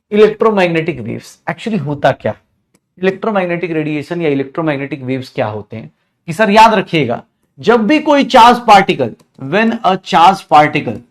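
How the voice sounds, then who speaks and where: High-voiced man teaching a lecture. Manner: repeats questions to the class and answers them himself; mixes English science terms into Hindi. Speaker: chemistry teacher. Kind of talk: online lecture.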